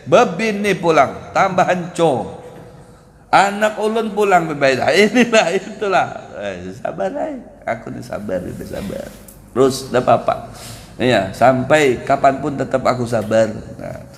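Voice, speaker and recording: A man preaching at a dawn mosque gathering, who acts out prayers and laughs often as he speaks. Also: high-pitched. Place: mosque hall. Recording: long hall reverb.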